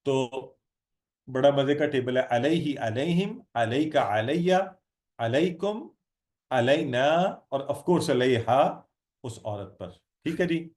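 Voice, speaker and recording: A man's voice: medium pitch, animated, darkish tone. A man teaching an online Arabic lesson, patient and encouraging as he drills his students. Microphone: video call.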